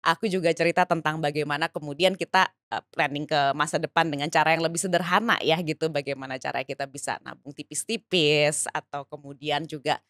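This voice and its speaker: A woman from Indonesia, a writer and entrepreneur, talking as a podcast guest in a lively way, laughing often and mixing in English phrases. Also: low voice, a little fast, no room sound, studio quality. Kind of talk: casual interview chat.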